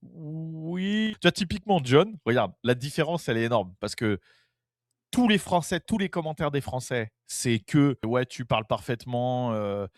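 Brief: man from France, casual and animated, repeats phrases, dry recording. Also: mid-range voice, moderate pace, no echo. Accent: French. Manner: animated, emphatic, repeats himself, swears casually. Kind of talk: casual chat.

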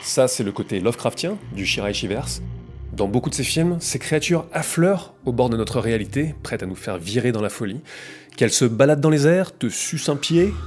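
A man's voice: medium pitch, a little mellow. A man hosting a video essay, narrating in a wry, conversational way with playful emphasis.

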